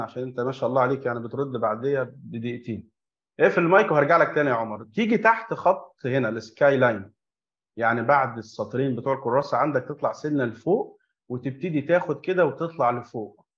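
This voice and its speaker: A man's voice: medium pitch, dull audio. A man with an Egyptian Arabic accent teaching an online English class to children. He explains in a chatty way, asks and answers his own questions, and has the class repeat words after him.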